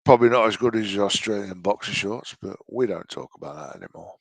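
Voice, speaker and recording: A man's voice: lowish voice, animated, fast, creaky, dry recording. An English man in his late forties giving mocking reaction commentary, sarcastic and sweary. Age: late 40s.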